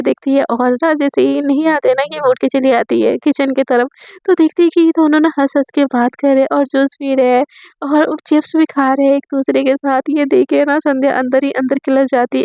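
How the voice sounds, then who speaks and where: Chatty high-pitched woman telling a story. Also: gravelly, a little mellow, no echo. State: dry throat from fasting. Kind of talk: casual story narration.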